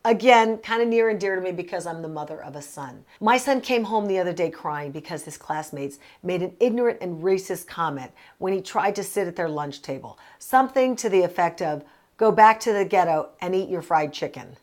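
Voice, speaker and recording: A woman's voice: lowish voice, lively intonation, fairly quick, hardly any pauses, a little mellow. A woman in her fifties hosting a casual advice vlog from a small closet, speaking in an earnest, direct, conversational way. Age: 50s. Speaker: parenting vlog host answering a letter.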